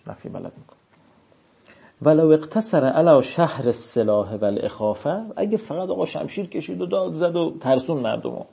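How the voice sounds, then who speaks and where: A man giving a seminary lecture on religious law. He reads classical text out slowly, then explains it in casual speech. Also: medium pitch, gravelly, dark tone, slightly rough, muffled recording.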